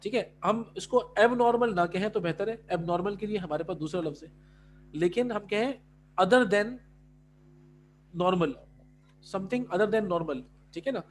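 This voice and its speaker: A man's voice: high voice, pauses often, a little hiss or hum. A male Arabic teacher explaining words in a class, switching between Urdu and English and often checking that students follow. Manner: mixes Urdu and English, keeps checking understanding.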